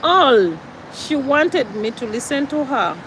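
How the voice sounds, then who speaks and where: Ugandan woman talking slow and kinda high, preachy, repeats herself, cars going by loud behind her. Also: sing-song, background noise. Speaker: vlogger. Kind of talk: casual vlog monologue.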